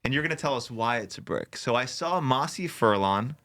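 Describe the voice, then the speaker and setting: A man's voice: medium pitch, animated, brisk, a bit bright. A man co-hosting a podcast in casual chat, asking pointed, probing questions. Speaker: podcast co-host.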